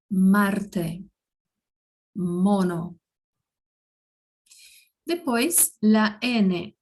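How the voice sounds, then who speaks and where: Slow, careful woman teaching Spanish sounds. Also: medium pitch, a little mellow. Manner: slow and deliberate, pronounces example words clearly. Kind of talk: slow, careful online lesson.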